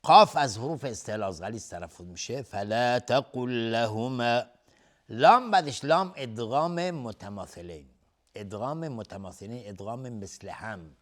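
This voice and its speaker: A man with a Persian accent leads a recitation lesson. He draws out each verse in a slow, raised chant, then drops into brisk, matter-of-fact explanation of the rules. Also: mid-range voice, expressive. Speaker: Quran recitation teacher.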